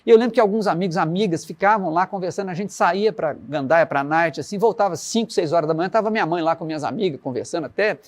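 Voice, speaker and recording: A Brazilian man, a musician reflecting in an interview and slowly reciting lyrics as he tells stories. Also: high voice. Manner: warm storytelling, recites his lyrics slowly. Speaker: musician guest.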